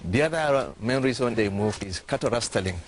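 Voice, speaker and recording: A man's voice: mid-range voice, expressive, moderate pace. A man with a Kenyan accent explaining things as a health worker in an on-location interview.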